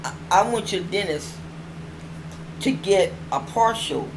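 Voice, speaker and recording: Chatting casually on her own online show, a middle-aged woman rambles in toothless, slightly slurred speech and repeats phrases to stress them. She has a medium-pitched voice with lively intonation and a slightly slow pace, captured in a clearly noisy home recording.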